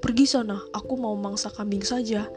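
Storybook crocodile, greedy and commanding, curt delivery, voiced by a woman, over clear music. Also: mid-range voice, fairly even intonation, fairly quick, lightly acted. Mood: bossy. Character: hungry greedy bossy crocodile.

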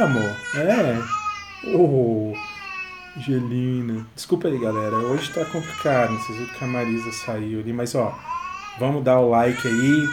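A man's voice: medium pitch, background noise. A young man commenting on a game for his viewers while soothing his baby daughter, slipping into cooing baby talk between remarks. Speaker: gaming video creator.

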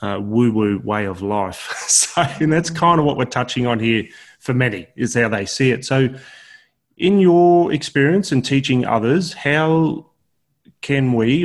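A man hosting a conversational podcast interview, speaking earnestly in wordy, hesitant phrasing. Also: medium pitch. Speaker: podcast host interviewing a guest.

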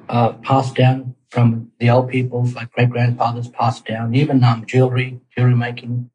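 A middle-aged man, a cultural guide answering interview questions in a halting way, with many pauses and restarts. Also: medium pitch, darkish tone, rough recording. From Australia, Torres Strait Islands.

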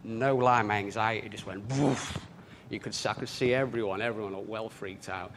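A man's voice: lowish voice, fairly even intonation, normal speed, fairly bright tone, slight background noise. A man, telling a personal story in an earnest way. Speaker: speaker.

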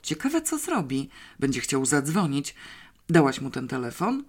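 An audiobook reader voicing a skeptical, excitable young boy who grumbles and exclaims. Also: mid-range voice, measured pace. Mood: impatient. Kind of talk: audiobook character voice.

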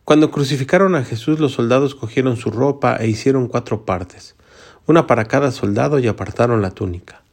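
A man reading a Gospel passage aloud in a measured, solemn liturgical style. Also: medium pitch, husky. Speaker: scripture reader.

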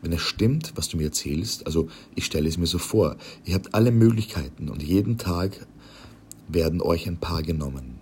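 A man's voice: sits low, moderate pace, a little hiss or hum, lightly acted. Man reading as a tiny proud fat king. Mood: musing. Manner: calm, musing, explaining. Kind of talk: audiobook character reading.

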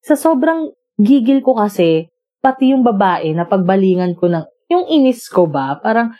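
A woman telling friends about a breakup in a casual chat, animated, quoting both sides and laughing often. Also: mid-range voice, normal speed. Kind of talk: casual storytelling among friends.

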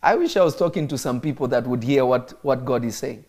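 A man's voice: medium pitch, animated, brisk, a little mellow. A man, preaching to people watching online and driving points home by repeating phrases. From Kenya. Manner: emphatic, repeats phrases for effect. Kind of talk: live-streamed sermon teaching.

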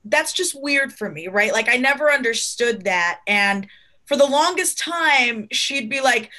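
Bright-voiced woman host, chatty and laughing. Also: on the high side, lively intonation, measured pace. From Cuba. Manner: chatty, laughs often, acts out quotes. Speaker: podcast host. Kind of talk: casual interview conversation.

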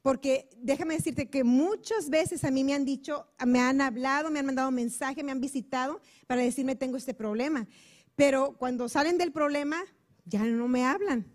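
A woman's voice: high voice, moderate pace. A woman preaching to a women's group on a handheld mic, earnest and chatty, acting out little everyday dialogues. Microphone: handheld microphone.

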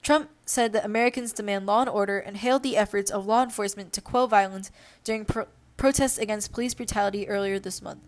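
A woman's voice: medium pitch, fairly even intonation, quick pace. A young woman hosting a podcast, reading news articles aloud and breaking off into unscripted remarks with fillers. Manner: unscripted asides with fillers between read passages. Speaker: podcast host.

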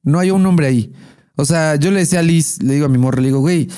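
A man's voice: on the high side, quick pace, dark tone, smooth. A young Mexican man co-hosting a podcast, swearing freely and telling stories with animation. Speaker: podcast co-host. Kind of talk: casual crude chat.

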